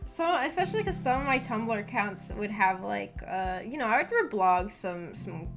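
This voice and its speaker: This livestream clip features a woman speaking at normal speed in a medium-pitched, fairly bright voice, with music running underneath. Giggly and hesitant, she tells rambling personal stories and pokes fun at herself while chatting with viewers.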